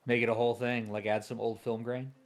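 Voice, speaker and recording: A man's voice: mid-range voice, little pitch movement, quick pace. A man bantering casually as co-commentator on a game stream, with a dry, wry delivery.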